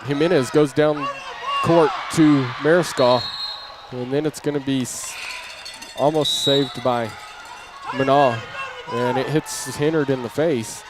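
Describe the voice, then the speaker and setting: A man with a medium-pitched, fairly even voice calls a basketball game without hurrying, a crowd audible behind him. His live radio-style play-by-play comes in clipped running phrases that lift on big plays, recorded in an indoor gym with clearly noisy ambience and a bouncing ball.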